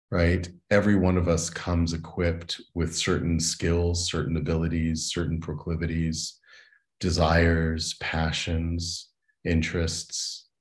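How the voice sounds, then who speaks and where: Low-voiced male guest, an earnest educator, unhurried and reflective. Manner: earnest and reflective, often adds "right?". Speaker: educator and consultant, interview guest. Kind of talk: interview conversation.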